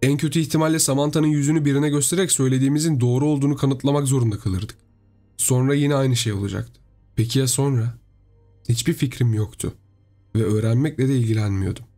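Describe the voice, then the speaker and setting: A man narrating a horror story in a steady, storytelling delivery. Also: medium pitch, fast, faint music behind.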